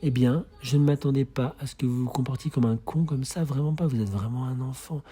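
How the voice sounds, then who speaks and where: Man, husky voice, mocking and sarcastic, faint music behind. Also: mid-range voice, fairly quick, dark tone. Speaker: patient confronting his analyst. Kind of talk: tense archival confrontation.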